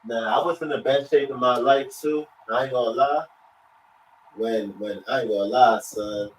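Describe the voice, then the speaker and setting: A man's voice: medium pitch, steady tone, normal speed, a little hiss or hum, poor audio. A man, rambling through casual slangy chat and often checking in with the listener. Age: late 30s.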